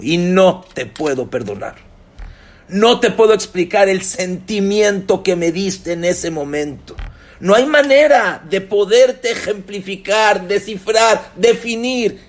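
A man voicing a hurt young woman, slow and pleading. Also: low voice, creaky, a little mellow, breathy edge, exaggerated voice. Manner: pleading, emphatic.

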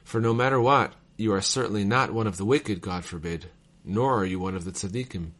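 Low-voiced man reading letters aloud. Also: fairly bright tone. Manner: measured, formal reading cadence. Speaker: reader of devotional texts.

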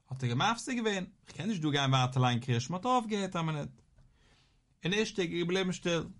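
A man giving a Talmud lesson, talking quickly in a rising and falling study chant. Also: high-pitched, lively intonation, a bit bright. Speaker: Talmud teacher.

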